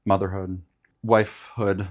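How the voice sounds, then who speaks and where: Deep-voiced man hosting an easygoing podcast. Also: level tone, a little slow. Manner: easygoing, many short affirmations, friendly questions. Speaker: podcast host. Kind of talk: conversational interview.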